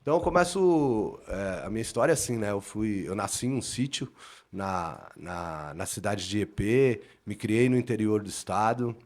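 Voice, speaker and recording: A man's voice: fairly low pitch, expressive, normal speed, darkish tone. A middle-aged man from inland São state, a police officer guesting on a podcast, telling his story earnestly and formally, often repeating words as he thinks. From interior of São Paulo state, Brazil. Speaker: police lieutenant colonel, guest.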